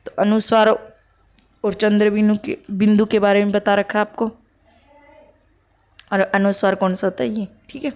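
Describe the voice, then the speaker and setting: A woman teaching spelling for an exam, slowly reading out word lists and checking with short asides. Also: medium pitch, level tone, darkish tone, clear, resonant tone. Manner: slow, listing words one by one with "ठीक है" checks.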